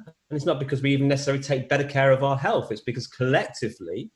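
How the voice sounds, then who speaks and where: With a mid-range voice and a racing pace, a middle-aged man from England answers interview questions as a men's health advocate. He is hesitant, full of fillers, restarts and repeated words, and his faint English accent is softened by years spent in Australia.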